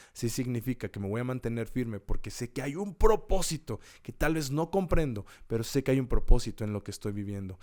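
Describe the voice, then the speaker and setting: A man with a mid-range, dark-toned voice hosts a podcast, delivering an earnest, encouraging devotional talk. He repeats key words with rising emphasis and now and then restarts or corrects himself.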